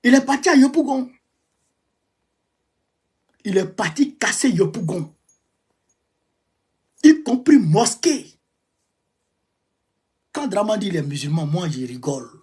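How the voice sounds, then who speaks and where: A man with an Ivorian French accent delivering an impassioned monologue, repeating himself emphatically and swinging between raised outbursts and low muttering. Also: sing-song, takes it slowly, long pauses, a little mellow, breathy edge. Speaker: political commentator.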